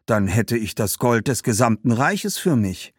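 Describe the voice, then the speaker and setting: A man's voice: medium pitch, very animated, unhurried, husky, no room sound, studio quality. Man doing a scheming greedy Roman commander.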